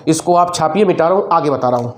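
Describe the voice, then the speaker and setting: A male chemistry teacher giving a lecture, speaking loudly and quizzing students with repeated questions while dictating terms slowly. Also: on the high side, lively intonation. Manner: speaks loudly over nearby noise. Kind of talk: classroom lecture.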